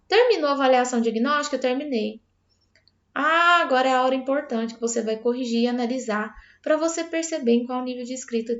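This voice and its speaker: A Brazilian woman teacher explaining a literacy lesson for parents step by step, talking straight to the viewer. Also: fairly high pitch. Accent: Brazilian Portuguese. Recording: roomy, slightly dull sound.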